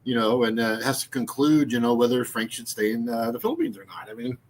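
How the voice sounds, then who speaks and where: On a low-quality recording, a man in his sixties speaks on his YouTube channel in an expressive, fairly quick mid-range voice with vocal fry. His casual vlog talk meanders with many fillers and restarts as he mocks and laughs at his own jokes.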